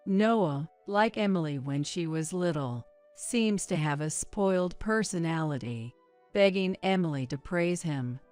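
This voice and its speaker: A woman narrating a story in a measured, even way. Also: lowish voice, faint music behind.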